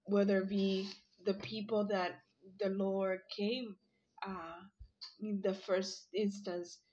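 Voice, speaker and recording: A woman giving an informal Bible study talk, reading verses aloud and explaining them, often pausing and correcting herself. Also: medium pitch, flat delivery, a little mellow, husky, highs cut off. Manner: hesitant, searching for words, self-correcting. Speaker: Bible teacher.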